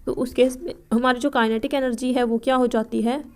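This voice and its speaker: A young woman with a clear, smooth, slightly high voice walks through physics problems one step at a time. She reads the English question text slowly, word by word, and keeps checking in with the listener before moving on. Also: fairly even intonation, darkish tone. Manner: repeats checks like "ठीक है" and asks herself questions before answering. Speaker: physics tutor for nursing entrance exams. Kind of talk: explaining exam problems step by step.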